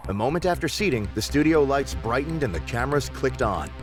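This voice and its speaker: A man narrating a text-based story game in an even, measured reading. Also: mid-range voice, soft background music.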